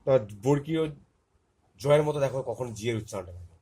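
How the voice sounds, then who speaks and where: A man's voice: mid-range voice, animated, quick pace, mellow, husky. A man with a Bengali accent teaching a phonics lesson to young children, spelling words letter by letter and repeating them.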